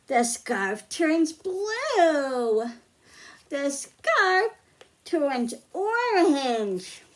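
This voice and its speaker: A woman speaking extremely slowly, her high voice swinging widely in pitch, presents a science-themed storytime for young children. She reads aloud, leads a hands-on activity, explains simply, and asks the kids questions.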